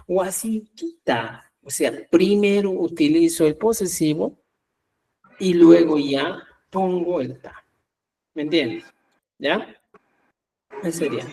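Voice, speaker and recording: Slow, patient male language teacher. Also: on the high side, darkish tone, breathy edge, recorded from a distance. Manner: patient, explains step by step with frequent checks like "¿ya?". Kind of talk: online class explanation.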